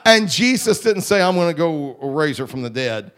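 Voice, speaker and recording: A man preaching a fervent holiness sermon, rhythmic and drawling, often clearing his throat. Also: on the high side, big pitch swings, normal speed. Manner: fervent, rhythmic, drawling with repeated call-outs.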